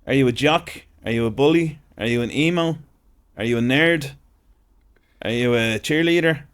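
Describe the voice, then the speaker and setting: A man's voice: mid-range voice, fairly bright tone. Jokey man firing off questions. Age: 30s. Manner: jokey, quick-fire questions. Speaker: podcast host. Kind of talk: casual interview.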